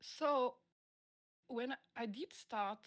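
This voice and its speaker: Chatty French-born woman, fairly high voice. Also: drawn-out words, a bit bright. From France. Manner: chatty, laughs often, searches for English words. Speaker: interviewed musician. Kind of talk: casual interview chat.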